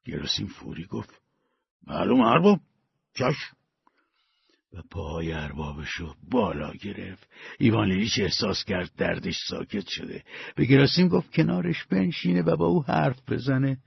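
A man reading a story aloud with slow, dramatic delivery and big swings in loudness. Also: fairly low pitch, lively intonation, no echo. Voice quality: gravelly, husky. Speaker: narrator. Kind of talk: storybook narration. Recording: dull lo-fi dry recording.

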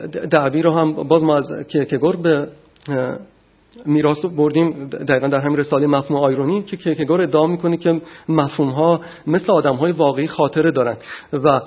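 Hesitant male philosophy lecturer, husky. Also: on the high side, muffled recording. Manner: measured, frequent hesitations.

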